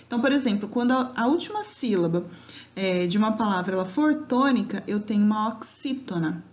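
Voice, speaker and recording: In a dull lo-fi home recording, a woman teaches children grammar with a mid-range, darkish voice and lively intonation. She patiently draws out each syllable, checking in frequently with "né?" and "tá?".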